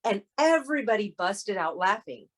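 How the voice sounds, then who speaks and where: A woman guest on an interview show, telling a story in a lively way and acting out the lines of the people in it. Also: mid-range voice, normal speed. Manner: animated, acts out quoted dialogue. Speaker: guest actress.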